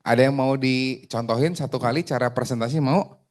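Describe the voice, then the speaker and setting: A man's voice: mid-range voice, a little fast, darkish tone. Man, sales trainer, chatty, joking, quizzes his audience. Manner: joking, chatty, asks the room questions. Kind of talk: casual training talk to a group.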